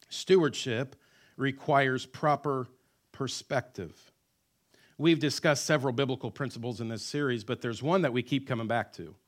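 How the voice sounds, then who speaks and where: A pastor preaching a sermon in a church, folksy and joking, with call-and-response to the congregation. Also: male voice, medium pitch. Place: church sanctuary.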